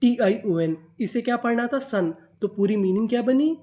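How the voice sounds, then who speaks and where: A man's voice: extremely high pitch, expressive, moderate pace, mellow. A man teaching English reading in Hindi, spelling out each word letter by letter and asking and answering his own questions.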